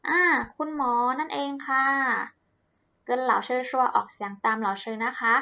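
A woman teaching a language lesson to children, cheerful and encouraging, saying words slowly and repeating them for pupils to copy. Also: sits high, creaky, bright, forceful tone, dull audio.

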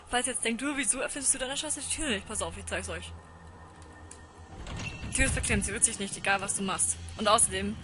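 A woman's voice: medium pitch, noisy background. A woman commenting casually on a horror game she plays, reading its text aloud and chanting panicky repetitions when scared. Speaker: let's play gamer.

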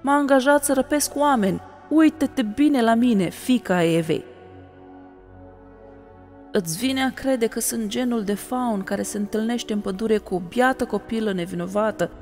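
A remorseful male faun in a storybook, lamenting through sobs, as a woman narrator puts him on. The voice is pitched fairly high, with a long reverb tail and faint music underneath. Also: a little mellow, lightly acted. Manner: sobbing, lamenting.

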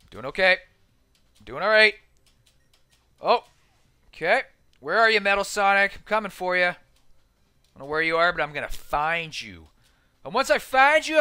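A man narrating his own gameplay in a casual, chatty way, quick to exclaim and to poke fun at himself. His voice sits high and bright, with lively leaps up and down in pitch. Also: smooth. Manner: excitable, chatty, self-deprecating, lots of exclamations; talks to himself while playing on a keyboard. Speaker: gaming video host. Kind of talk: casual let's-play commentary.

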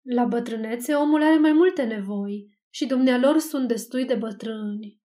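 A woman's voice: on the high side, dark tone, close to an everyday voice. A woman reading as a fretful older wife. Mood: fretting.

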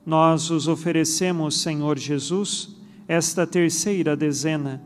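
A man with a Brazilian Portuguese accent leading a recited rosary prayer in a steady chant. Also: fairly high pitch, unhurried. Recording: long reverb with background music.

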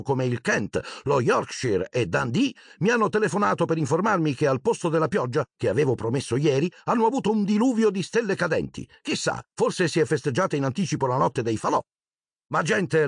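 A man's voice: fairly high pitch, creaky, husky, dry recording, studio quality, voice pushed up, heavily acted. A man voicing a jovial, chatty television weatherman, in an audiobook reading. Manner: chatty, jokey broadcaster.

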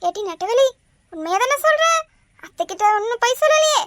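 A woman's voice: very high voice, animated, brisk, fairly bright tone, slight background noise. A woman voicing a bossy, scolding older mother-in-law in a cartoon. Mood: excited. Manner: scolding, nagging. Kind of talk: cartoon voice acting.

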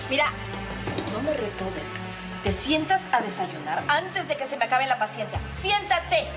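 A woman's voice: sits high, sing-song, a little slow, music in the background. An actress playing a strict, impatient mother who scolds in an exasperated way. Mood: scolding.

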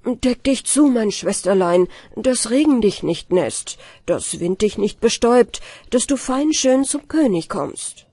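A woman voicing a devoted young coachman who speaks tenderly to his sister, in a breathy voice. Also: medium pitch, very animated, measured pace, mellow, dry recording, exaggerated voice. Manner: tender, pleading.

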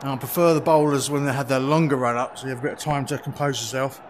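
A man giving relaxed, chatty running commentary on his own play in a VR cricket game, with quick exclamations. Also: medium pitch. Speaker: gaming video creator. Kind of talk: live commentary while playing a VR cricket game. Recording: steady background noise.

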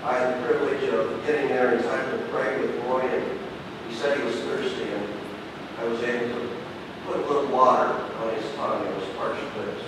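Middle-aged pastor preaching in a reverberant church. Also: male voice, steady tone, fairly quick. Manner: storytelling preacher, swings from booming emphasis to hushed tones. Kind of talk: sermon. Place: large church sanctuary, at a pulpit. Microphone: pulpit gooseneck mic. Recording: echoey church hall from a distance, with rumble.

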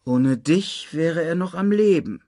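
A man's voice: fairly high pitch, lively intonation, measured pace, dark tone, dry recording, studio quality, pitched above the performer's own voice. A man reading aloud and voicing a sly, scheming adult male lion who speaks coldly and accusingly.

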